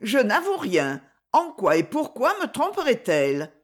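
A woman's voice: a little high, huge pitch swings, unhurried, heavily acted. A woman reading a storybook voices a sad, melancholy young woman in a wistful, downcast tone.

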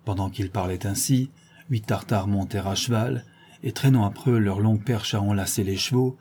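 Man, audiobook narrator, measured formal reading, dark mellow voice. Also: fairly low pitch. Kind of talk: scripted narration of an old travel account.

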